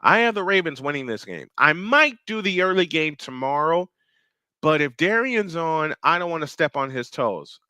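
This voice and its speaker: A man in his fifties calling a football game live play-by-play, slightly hoarse, reading viewer chat between plays and getting excited on big runs. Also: on the high side, moderate pace, dry recording, studio quality. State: slightly hoarse, clearing throat. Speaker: play-by-play announcer.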